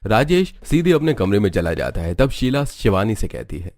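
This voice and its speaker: A man narrating a cartoon story in a steady, even storytelling manner. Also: lowish voice, moderate pace.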